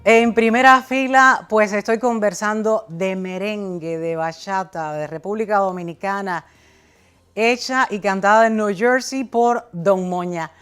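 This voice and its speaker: A woman's voice: medium pitch, measured pace, a bit bright, clear, resonant tone, faint music behind. A woman hosting a talk show, interviewing her guests in a conversational way and doing announcer-style sign-offs.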